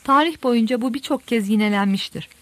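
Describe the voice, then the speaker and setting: A woman reading an audiobook aloud and voicing a grown man who calmly reflects on history. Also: fairly high pitch, a little fast, no room sound, natural voice. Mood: reflective.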